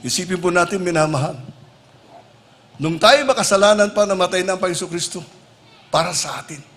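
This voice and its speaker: High-voiced man preaching a sermon. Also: brisk, fairly bright tone. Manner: calls the listeners "minamahal ko" (beloved) over and over; mixes English phrases into his preaching.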